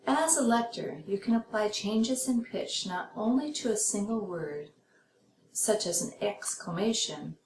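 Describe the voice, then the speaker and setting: A woman hosting a podcast lesson for lectors, reading a scripted lesson in a measured way and voicing example sentences to show intonation. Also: mid-range voice, a little mellow. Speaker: podcast host teaching lectors. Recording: echoey room with clear background noise.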